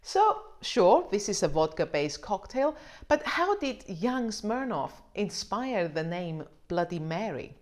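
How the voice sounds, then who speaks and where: A woman's voice: medium pitch, very animated, slow pace, darkish tone. A woman presenting a drinks vlog in a scripted explainer style, with wry, playful asides. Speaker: wine vlogger.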